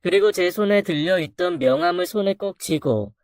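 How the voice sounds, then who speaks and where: Low measured dramatic storyteller. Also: a little mellow, no room sound, studio quality.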